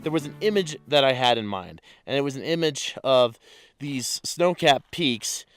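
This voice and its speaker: A landscape photographer shoots a still mountain lake at daybreak, casually walking through his camera settings for an on-location vlog. He speaks at a moderate pace in a mid-range voice, stuffy from a cold and loaded with fillers, while faint music plays behind.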